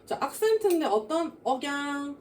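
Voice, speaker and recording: A woman's voice: sits high, moderate pace. A woman teaching an English reading lesson to middle school students. She poses questions and answers them herself, with frequent verbal fillers. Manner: animated, asks and answers her own questions, keeps saying "자". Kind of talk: classroom lecture explaining a reading passage. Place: classroom. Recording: distant mic with faint noise.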